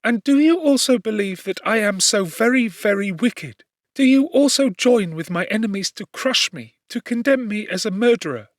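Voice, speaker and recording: An anguished young servant woman in a classic audiobook , played by a man. The voice is pitched very high, meek and earnest, pleading through tears. The sound is dry, with no room around it. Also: lively intonation, moderate pace, dry recording. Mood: sobbing pleading. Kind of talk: dramatic audiobook character reading.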